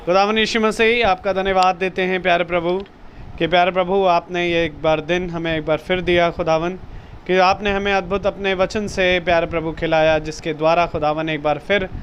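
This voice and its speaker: A man's voice: high voice, little pitch movement, moderate pace, fairly bright tone, a little hiss or hum. A man leading a spoken prayer at a home gathering, earnest and reverent. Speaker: prayer leader.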